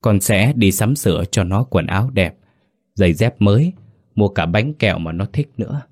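A man's voice: on the low side, lively intonation, moderate pace, a little mellow. A man voicing a desperate father who pleads and insists in a horror story reading. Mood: pleading.

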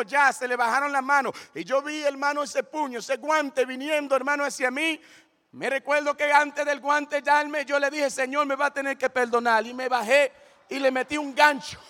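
A man giving a lively testimony sermon, telling his story with animation and often calling the listeners brother. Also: extremely high pitch, normal speed. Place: church. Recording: long church reverb.

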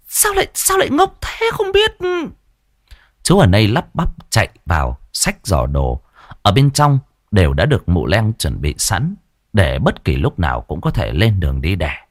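A man narrating a scripted ghost story in a lively, expressive way. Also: deep voice, slightly rough, no echo, clean studio sound.

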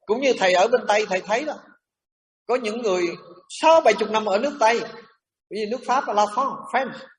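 A man preaching as a Buddhist monk, emphatic and animated, dropping in English and French terms. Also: high voice, a little fast, pauses often, recorded from a distance. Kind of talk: sermon to a congregation.

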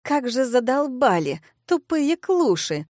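A woman doing a yelling, furious young brunette. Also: sits high, big pitch swings, slow pace, dry recording, studio quality, pitched above the performer's own voice, exaggerated voice. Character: hot-tempered brunette young woman, jealous and brawling.

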